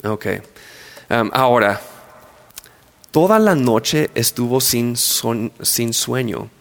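A man's voice: medium pitch, lively intonation, takes it slowly, vocal fry. A man preaching a sermon, retelling a story with playful asides and acted-out scenes. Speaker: pastor.

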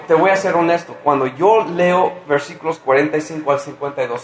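Male preacher, fairly high voice, expressive sermon delivery that ranges from loud to hushed, echoey room. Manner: expressive, swings between loud exclamations and quiet near-whispers; speaks with restarts and fillers, conversational.

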